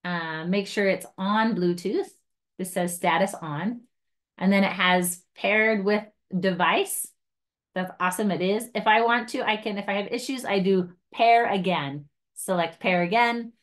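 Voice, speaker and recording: In a medium-pitched, unhurried voice, a female trainer leads guides through a device one step at a time. Her tutorial is casual and chatty, sprinkled with gentle jokes at her own expense.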